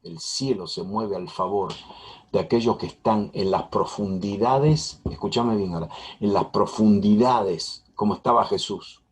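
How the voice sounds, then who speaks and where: Middle-aged male pastor, husky, low-pitched, preaching emphatically with lots of repetition. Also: normal speed. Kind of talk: sermon.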